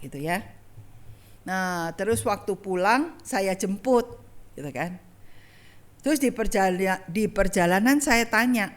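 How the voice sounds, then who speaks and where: A middle-aged woman evangelist, telling a personal story in a sermon and talking straight to the congregation. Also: medium pitch. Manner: conversational, addresses congregation directly. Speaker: evangelist preacher. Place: church online service.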